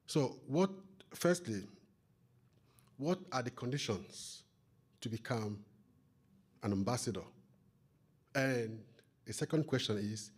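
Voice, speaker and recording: A man with a Cameroonian accent and a husky voice, putting a formal, polite question from the audience at a public talk. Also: medium pitch, a little mellow. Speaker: audience member asking questions.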